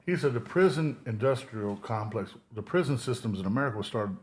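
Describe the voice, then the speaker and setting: A man hosting an interview, upbeat and encouraging, with quick affirmations of his guest. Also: mid-range voice, darkish tone. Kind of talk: casual interview chat.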